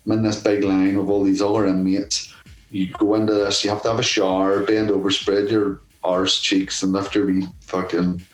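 A man's voice: low-pitched, little pitch movement, normal speed, low-quality recording. A middle-aged man as an interview guest, telling a long story in a casual, profane way and laughing as he goes.

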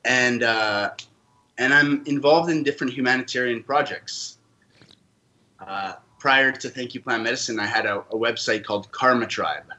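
A man's voice: mid-range voice, normal speed, sharp tone, a little hiss or hum, rough recording. A man from Canada, a podcast guest, telling his story in an earnest, reflective way during a casual interview.

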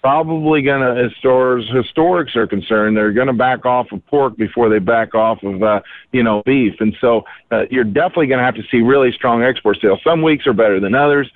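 Heard over a thin, tinny phone line, a man gives casual market commentary in a folksy, rambling way, full of "you know" and "uh". His pitch sits in an ordinary middle range. The line is dry and close, with no room sound. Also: fairly quick, dry recording. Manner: folksy, rambling with many fillers. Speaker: market analyst guest.

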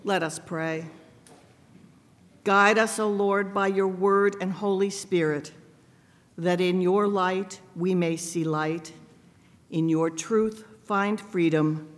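High-voiced pastor in cathedral echo. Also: male voice, fairly even intonation. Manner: measured, formal reading voice. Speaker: pastor leading worship. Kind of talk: liturgical prayer and scripture reading. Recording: long church reverb.

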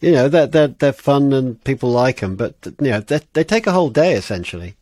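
A man talks as a podcast guest in a mid-pitched voice, stumbling over words and restarting often. His humour is dry. The recording is close and dead, with no room sound. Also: lively intonation, brisk, a little mellow, dry recording. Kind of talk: casual chat.

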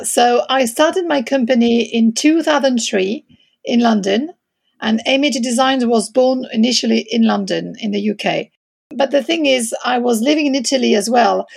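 This interior designer guest is a middle-aged woman from France whose fairly high voice sounds gravelly and husky. Speaking with a French accent, she responds to the interviewer hesitantly, often searching for the right English word.

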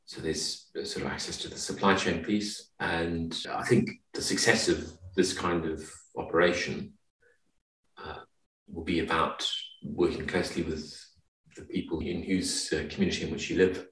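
A middle-aged man from Zimbabwe speaks in a very deep register that sounds roomy and distant from the mic, with a steady, fairly bright tone. As a podcast guest, he explains his points conversationally and pauses to find words.

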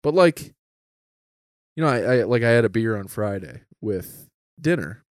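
A man telling a personal story in casual chat, animated, with many "like"s and frequent laughs. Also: fairly low pitch, measured pace, dry recording, studio quality. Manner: animated, lots of "like", laughs often.

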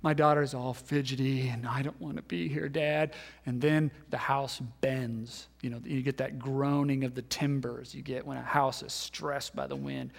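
A man in his thirties, a pastor giving a sermon, telling a story and acting out the voices in it, then dropping to hushed tones. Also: mid-range voice, flat delivery, moderate pace, vocal fry, hardly any pauses. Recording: long hall reverb.

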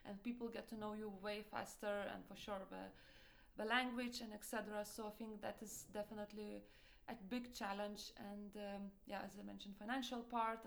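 A woman's voice: medium pitch, creaky. Young woman with a Lithuanian accent. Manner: hesitant, searching for words, many fillers. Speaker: entrepreneur guest. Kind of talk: interview answers.

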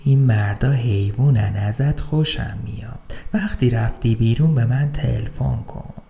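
A man voicing a friendly plainclothes officer who speaks quietly and slowly in a confiding tone. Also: medium pitch, gravelly, close to an everyday voice. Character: soft-spoken plainclothes male officer, friendly.

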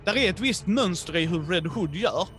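A man narrating as game master in a casual, animated way with many filler words. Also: high voice, soft background music. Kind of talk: casual role-play narration.

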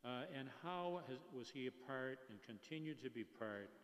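A man's voice: mid-range voice, lively intonation. Elderly male priest preaching in echoing church. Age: 70s or older. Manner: informal, anecdotal, halting and rambling. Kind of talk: conversational homily. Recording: long church reverb.

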